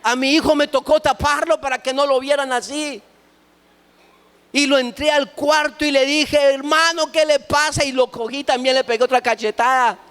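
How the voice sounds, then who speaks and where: High-voiced pastor preaching. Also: male voice, fairly even intonation, normal speed. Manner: impassioned storytelling, rising to shouts. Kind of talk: sermon.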